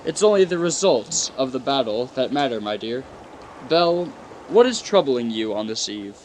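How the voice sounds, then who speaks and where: A man's voice: medium pitch, big pitch swings, moderate pace, slight background noise, close to an everyday voice, poor audio. A man playing a proud, ambitious young businessman and suitor in a radio play, formal and self-assured. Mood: content. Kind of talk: live-audience radio play acting.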